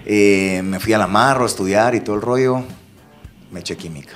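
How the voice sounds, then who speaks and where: A man from Bilbao, raised in Guatemala, whose first language is Basque, telling stories in a lively casual interview and acting out the voices he quotes. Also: on the low side, a little fast, soft background music. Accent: Guatemalan Spanish. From Bilbao, Spain; raised in Guatemala from age five. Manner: chatty, animated storyteller, acts out quoted voices. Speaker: TV presenter, guest.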